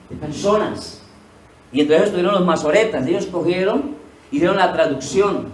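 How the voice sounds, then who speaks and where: A male pastor teaching a sermon, asking the congregation questions and answering them himself, repeating key words for emphasis. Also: high voice. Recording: echoey room, voice from a distance, faint ambience.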